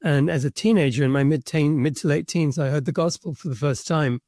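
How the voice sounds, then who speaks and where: Guest, middle-aged man, South African accent, slightly high, deliberate, dry close mic. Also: a little mellow, no room sound. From Kenya and South Africa. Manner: measured, thoughtful storytelling with pauses. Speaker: guest, book publisher's representative. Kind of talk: conversational podcast interview.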